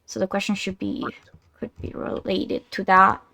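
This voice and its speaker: A woman's voice: medium pitch, normal speed, creaky, sharp tone, no echo. A young woman playing a tabletop game who thinks aloud and hesitates as she works out answers. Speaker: player.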